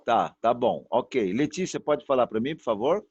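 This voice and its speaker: A man's voice: mid-range voice, lively intonation, darkish tone, husky. Patient man teaching over a video call. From Brazil. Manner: patient, repetitive, drawn-out demonstrations. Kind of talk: online class pronunciation lesson. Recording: dull, muffled sound, dry.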